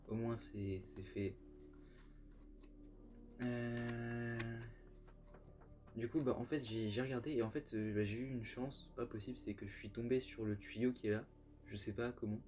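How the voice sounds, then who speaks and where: A man's voice: medium pitch, steady tone, unhurried, long pauses, a little mellow. A young man casually commenting on a game he is playing, joking and chatty with many fillers and restarts. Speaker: gaming youtuber. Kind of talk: casual let's-play commentary.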